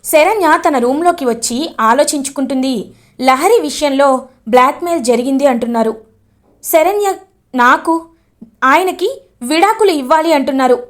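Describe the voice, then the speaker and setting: Woman storyteller, high voice, recapping a soap drama with sympathy. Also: expressive, normal speed, long pauses. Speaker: narrator recapping a TV serial.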